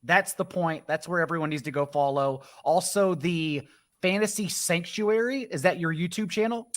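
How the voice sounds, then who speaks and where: Male show host, brisk and joking, bright slightly high voice. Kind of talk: casual podcast chat.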